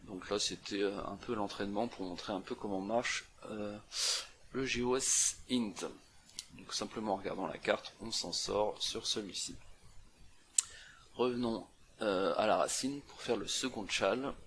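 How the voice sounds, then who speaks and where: A man's voice: on the low side, measured pace, fairly bright tone, slight background noise. A young man casually talking through a map puzzle on screen, thinking aloud with many fillers and restarts. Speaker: CTF walkthrough presenter. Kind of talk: casual screen-recorded walkthrough.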